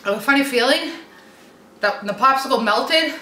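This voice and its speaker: A middle-aged woman chatting casually to camera, struggling to talk with her mouth and throat burning from spicy food, haltingly, clearing her throat and puffing out breaths. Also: high-pitched, bright, forceful tone. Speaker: host of a food challenge video. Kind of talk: casual reaction chat to camera. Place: small indoor room with window blinds. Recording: echoey room with faint background noise.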